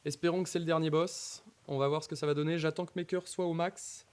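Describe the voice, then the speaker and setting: A man's voice: a little high, fairly even intonation, fast, clean tone. A man giving casual commentary on his Minecraft playthrough, talking to the mobs and to viewers, repeating nervous exclamations in tense moments. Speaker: gaming YouTuber.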